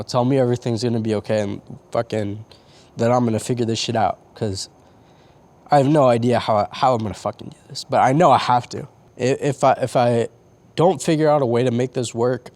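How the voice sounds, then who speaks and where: Halting young man venting late at night. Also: mid-range voice, darkish tone. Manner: halting, restarts often, swears casually. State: tearing up. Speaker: vlogger. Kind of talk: late-night confessional vlog. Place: on a roof outdoors.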